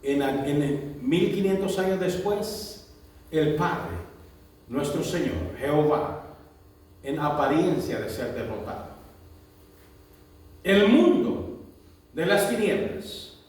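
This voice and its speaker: A man preaching a sermon, swinging between loud drawn-out proclamation and low quick asides. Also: animated. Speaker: pastor. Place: church. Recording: echoey church hall, mic at a distance.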